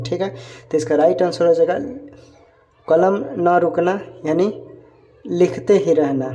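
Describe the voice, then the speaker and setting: A man's voice: fairly high pitch, mellow. A man with a Hindi accent from Bihar, teaching an exam practice lesson and repeating each answer with frequent check-ins.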